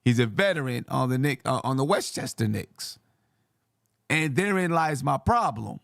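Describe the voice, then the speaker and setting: Hoarse man hosting sports talk, swinging pitch. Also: expressive, moderate pace, a bit bright, no echo, clean studio sound. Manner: conversational, repeats phrases for emphasis. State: hoarse voice from yelling. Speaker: sports show host. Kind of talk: casual sports commentary.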